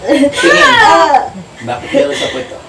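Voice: medium pitch, very animated, normal speed, gravelly. A faith healer questioning a spirit during a healing session, sternly asking the same short questions again and again. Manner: stern, repeated prodding questions. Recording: echoey room, recorded from far off, loud background noise.

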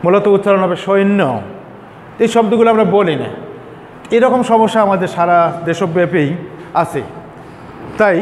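High-voiced man teaching in an echoey room. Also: darkish tone, a little hiss or hum. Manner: explains slowly, repeats words as examples. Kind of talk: classroom lecture on pronunciation. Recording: echoey room with faint ambience.

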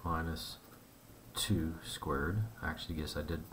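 A man teaching a math lesson, explaining step by step in a relaxed, conversational way. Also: rumbling low, a little slow, a little hiss or hum.

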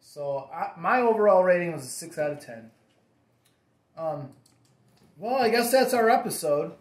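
A man's voice: high voice, animated, a little slow. An easygoing man in his forties reviews a frozen pizza at his dining table, chatting to his son. He slips in plenty of ums and likes. The sound comes from a camera across the table in a roomy home with a noticeable echo. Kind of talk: casual food review chat.

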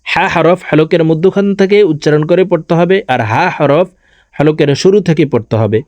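A man teaching Arabic letter pronunciation, chanting each syllable slowly and explaining quickly in between, with a Bangladeshi Bengali accent. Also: on the high side, darkish tone, no room sound, muffled recording. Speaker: Quran recitation teacher. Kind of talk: slow drilled letter recitation lesson.

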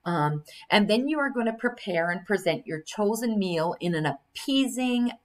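A woman's voice: mid-range voice, expressive, normal speed. An older woman teaching a recorded screen-share lesson, explaining an assignment step by step and reading instructions aloud, with fillers and self-corrections. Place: indoors at a computer.

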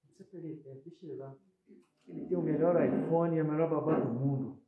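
Brazilian guy giving a spiritist talk, slightly high voice, chatty then suddenly loud. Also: fast, phone-quality sound, a crowd in the background. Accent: Brazilian Portuguese. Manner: conversational, shifts between soft asides and loud emphatic bursts. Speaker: spiritist lecturer. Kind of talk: spiritual lecture. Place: hall at a spiritist center. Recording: echoey hall.

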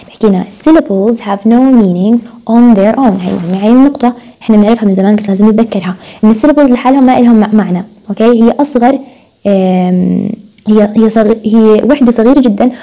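Mellow-voiced woman lecturing. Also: fairly high pitch, poor audio. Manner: mixes Arabic and English, repeats key words. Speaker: university lecturer. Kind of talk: recorded lecture explaining phonetics.

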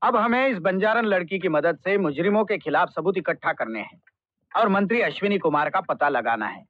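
An actor playing a firm, commanding investigating officer in an old Hindi film. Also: male voice, sits high, lively intonation, fairly quick, a little hiss or hum. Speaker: CBI officer. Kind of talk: 1990s Hindi film acting. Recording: dull old film soundtrack.

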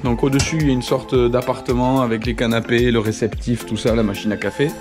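A Frenchman in his thirties with a French accent excitedly narrates a vlog tour of a car workshop, laughing often. His mid-range voice is fast, with music in the background. Holding an action camera at arm's length, he moves through a house, workshop and ranch, indoors and out, in casual narration.

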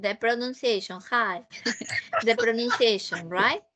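A woman English teacher with a Peruvian Spanish accent leads an online class over a video call. Her voice sits a little high, and she talks patiently, repeating points and pausing often to ask if everyone follows. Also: crowd noise. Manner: patient, repeats and checks understanding with frequent "ok?".

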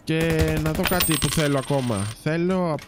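Guy rambling through a sim game, kinda high voice, bit of hiss and clicks behind. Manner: chatty, teasing game characters. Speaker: gaming YouTuber. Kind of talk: casual let's-play commentary.

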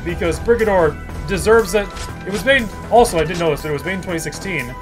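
An excitable man with a high, light voice commenting on his gameplay, loud and swearing freely. Game music runs strongly under his talk. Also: fast talker. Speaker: gaming video creator.

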